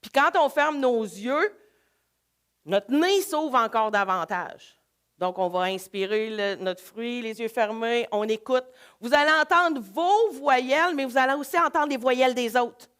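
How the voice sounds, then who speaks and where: A woman with a Québécois accent, leading a live laughter workshop in an energetic, coaxing way. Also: a little high, unhurried. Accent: Québécois French. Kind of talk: live workshop talk to an audience.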